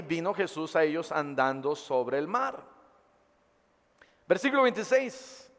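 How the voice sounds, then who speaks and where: High-voiced pastor preaching slowly. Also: male voice, big-room sound. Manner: dramatic, swings between loud and hushed, reads scripture aloud. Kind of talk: sermon. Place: church.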